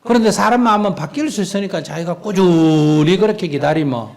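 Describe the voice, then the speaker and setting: A man's voice: sits high, lively intonation, brisk, gravelly, darkish tone. A man, a Buddhist monk, giving blunt, teasing advice to a questioner in a live Q&A talk. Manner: blunt, teasing, acts out quoted lines. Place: lecture hall with audience.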